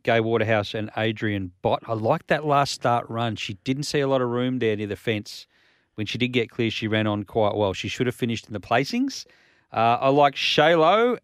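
A man's voice: medium pitch, no echo, clean studio sound. A man with an Australian accent hosting a horse racing show, giving tips in a confident, assured tipster manner.

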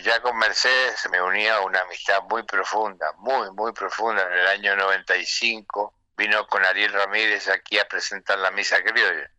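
An Argentine man from Mendoza, a singer guest on a radio interview, telling anecdotes warmly and acting out the voices of people he quotes. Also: fairly low pitch, steady tone, normal speed, few pauses, dry recording, poor audio.

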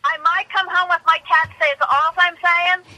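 A woman's voice: extremely high pitch, steady tone, moderate pace, bright, forceful tone, no room sound, rough recording. An older woman talking over a phone on speaker, chatty and rambling as she calls her grown daughter. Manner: chatty, rambling, repeats herself. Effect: heard over a phone on speaker. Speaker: host's mother calling in. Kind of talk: casual phone chat.

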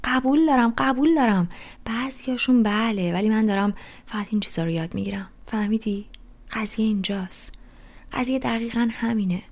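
A woman voicing a restless teenage boy who rants loudly about everything in an audiobook reading. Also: medium pitch, lightly acted. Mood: exasperated. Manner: loud, rushed, ranting complaints.

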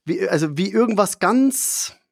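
A man's voice: sits high, animated, a little slow, gravelly, no echo, studio quality. A man co-hosting a casual podcast, painting playful vivid pictures as he talks. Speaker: podcast co-host.

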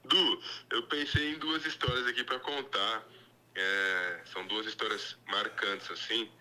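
A man's voice: on the low side, fairly even intonation, a little slow, sharp tone, slight background noise, poor audio. A man calling in over a phone on speakerphone, chatting in a friendly way and telling stories with lots of fillers. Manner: friendly, storytelling with many fillers. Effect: heard over a phone on speakerphone. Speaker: phone-in guest, former teammate. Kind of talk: casual chat.

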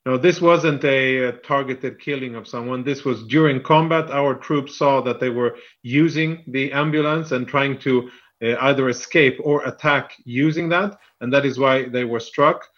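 A man speaking as a military spokesman in a live news interview, firm, deliberate and defensive, over a band-limited remote link. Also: mid-range voice, a bit bright, dull audio.

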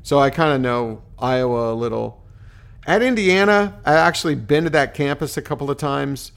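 A man's voice: mid-range voice, expressive, moderate pace, creaky, clean tone. A man co-hosting a casual sports podcast, rambling and playful as he interrupts himself. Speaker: podcast co-host.

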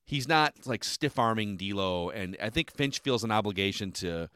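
A man co-hosting a sports podcast in casual chat, animated and joking, quoting stats. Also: fairly low pitch, moderate pace, smooth.

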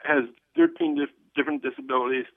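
A man's voice: mid-range voice, fairly even intonation, no room sound. Shy man calling in on a tinny phone line. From United States. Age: 40s. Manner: shy, halting, with restarts. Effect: heard over a phone line. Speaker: caller. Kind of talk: call-in advice request.

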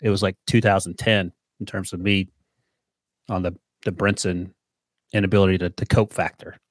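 Deep-voiced and fairly flat in pitch, this forty-something podcast co-host chats about sports at a moderate pace. His humor is dry and sarcastic, and the recording is dry too.

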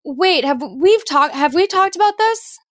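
A woman hosting a podcast in casual chat, chatty and curious with quick follow-up questions. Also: very high-pitched, expressive, fairly bright tone, no room sound, studio quality. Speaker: podcast host.

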